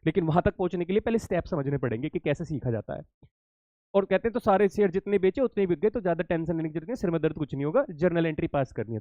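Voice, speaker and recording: A man's voice: a little high, dark tone, no room sound, highs cut off. A male accountancy teacher giving an exam-prep lesson to students, repeating key points, checking that they follow and calling them kids.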